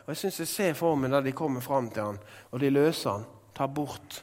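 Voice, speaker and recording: A man preaching a sermon in a relaxed, conversational way, with filler words, who now and then rises to loud proclamations. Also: mid-range voice, in a large hall.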